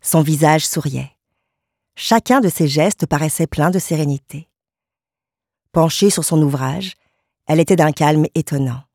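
A woman narrating a literary short story in a calm, measured way. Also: sits low, dry recording, studio quality. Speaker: audiobook narrator.

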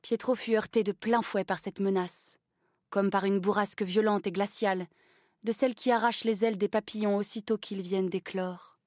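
A woman narrating an audiobook in a calm, even literary reading. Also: medium pitch, normal speed, no room sound, studio quality.

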